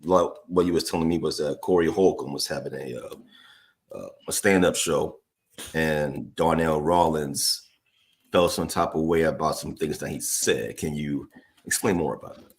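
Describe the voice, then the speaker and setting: Male podcast host, extremely low voice, relaxed casual prompting. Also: moderate pace. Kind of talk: casual chat.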